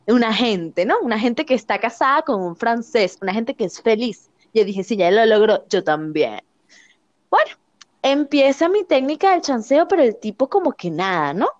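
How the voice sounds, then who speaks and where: A young Venezuelan woman tells a story in animated, slangy chat and laughs often. Her voice sits a little high. The recording is dry and a bit dull. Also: moderate pace, dry recording.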